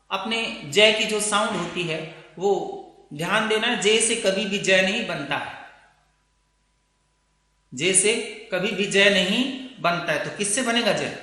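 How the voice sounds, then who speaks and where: A man's voice: high-pitched, sharp tone. A man teaching phonetics. He explains step by step and keeps checking that the class follows him. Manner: explains step by step with frequent checks like "theek hai na". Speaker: English teacher. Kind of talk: phonetics lesson. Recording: echoey room with long reverb.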